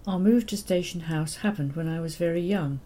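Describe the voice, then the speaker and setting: An elderly woman reads from her memoir in a low, mellow voice. Her telling is gentle and quietly wry. She keeps an even storyteller's pace. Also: a little fast, slight background noise. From England. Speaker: memoir narrator. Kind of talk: reading a childhood memoir.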